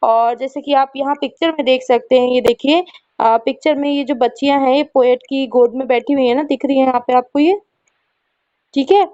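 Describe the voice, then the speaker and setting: A young woman, a school English teacher, patiently explaining a poem to her students in Hindi, often stopping to check that they follow and reading the poem's lines slowly. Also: sits high, fairly even intonation, warm tone. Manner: patient, checks understanding with frequent "ठीक है?". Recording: dull lo-fi recording.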